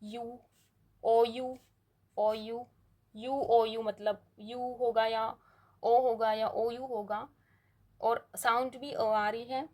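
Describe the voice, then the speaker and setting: Woman teacher, slightly high voice, unhurried delivery, drawn-out model words, explanations. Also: a little mellow. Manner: slow, drawn-out model words repeated for practice. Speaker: English phonetics teacher. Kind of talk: classroom-style lesson explaining pronunciation.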